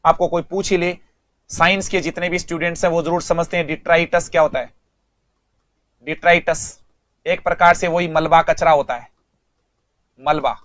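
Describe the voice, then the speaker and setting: A man's voice: a little high, a bit bright, dry recording, clean studio sound. A male English teacher giving an online vocabulary lesson, speaking, repeating words and quizzing students.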